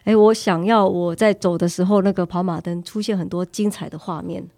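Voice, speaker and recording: A woman's voice: fairly low pitch, steady tone, a little fast, mellow. A woman in her thirties with a Taiwanese Mandarin accent, casually telling personal stories as a podcast guest.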